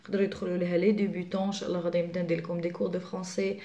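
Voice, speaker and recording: A woman with a Moroccan accent teaching a French lesson to children online, switching to Moroccan Arabic to explain and slowly repeating words for learners. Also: lowish voice, little pitch movement, dark tone.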